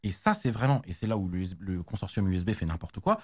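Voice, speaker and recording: A man's voice: deep voice, sing-song, fast talker, husky. A man explaining technical standards in casual chat, slangy, with many restarts and fillers. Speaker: tech guest expert.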